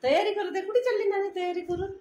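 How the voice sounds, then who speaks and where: High-voiced woman coaxing a child. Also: steady tone, fast talker, darkish tone. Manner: coaxing, playful questions, laughs often. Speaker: vlogger filming a child. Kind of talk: casual chat with a child. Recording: echoey room, faint noise.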